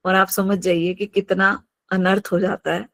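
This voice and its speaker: A woman's voice: medium pitch, little pitch movement, a little slow, fairly bright tone, dry recording. Woman teacher lecturing with examples, dry sound. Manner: explains terms through worked examples, repeats "absolutely" often; mixes English terms into her talk. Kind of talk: online class lecture.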